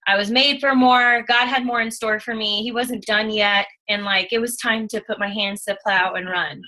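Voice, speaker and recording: Bright-voiced woman telling an emotional story. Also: on the high side, normal speed, rough recording. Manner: animated, emotional storytelling with quoted asides. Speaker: network marketing distributor. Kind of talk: casual testimonial chat.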